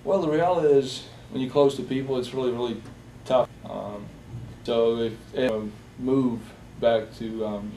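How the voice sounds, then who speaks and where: A young Bosnian man gives a halting personal interview, full of fillers and restarted sentences. His voice is mellow and low-key, with a steady tone. He's recorded from afar in an echoey space, with a faint hiss in the background.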